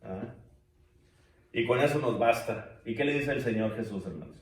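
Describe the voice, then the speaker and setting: A man's voice: mid-range voice, normal speed. A man teaching a church bible class, addressing the listeners as brothers and putting questions to the class. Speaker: preacher. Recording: distant mic in echoey church room.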